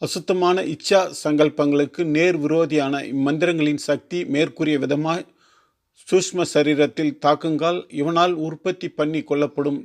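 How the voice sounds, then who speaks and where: A man reading a formal religious text aloud, slow and careful, sometimes restarting long words. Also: a little high, fairly even intonation, darkish tone. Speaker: teacher.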